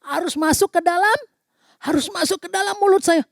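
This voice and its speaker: A big wolf with a fish bone stuck in its throat talks in a hoarse, heavy, choked voice, as a woman storyteller puts it on. The pitch stays high and the sound is close and dry. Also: moderate pace, no room sound. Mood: pleading. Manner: pleading.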